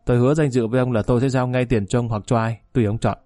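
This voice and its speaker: A man's voice: mid-range voice, steady tone, rapid-fire, mellow, no echo, natural voice. A man voicing a confident, careless young male banker who speaks in an offhand way. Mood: uneasy.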